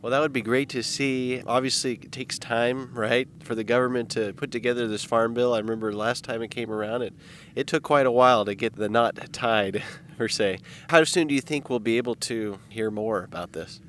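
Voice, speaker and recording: A man's voice: mid-range voice, fairly even intonation, moderate pace, a little hiss or hum. A young man interviewing a guest outdoors with a handheld mic, conversational and agreeable. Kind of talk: interview questions. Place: outdoors on a lawn.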